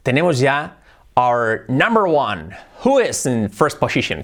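A man with an accent from Spain gives a casual video lesson, hopping between Spanish and English. He talks in a lively way, repeats himself and ends phrases with "¿ok?". His voice sits at an ordinary middle pitch. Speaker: English teacher.

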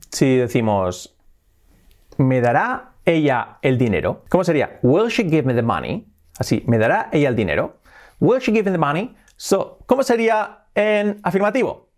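A man teaching an English lesson, asking questions to his learners and answering them himself, with short laughs between examples. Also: fairly high pitch. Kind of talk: language lesson.

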